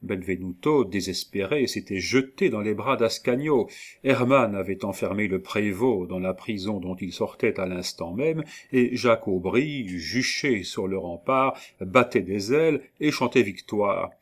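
Low-voiced man reading a novel aloud. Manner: steady, measured reading. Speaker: audiobook narrator. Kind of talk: scripted narration of a novel.

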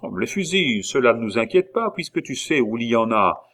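A man's voice: medium pitch, brisk, voice pushed up. A man reading aloud and voicing an eager, pushy young male villager in an audiobook. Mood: insistent. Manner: pushy, excitable.

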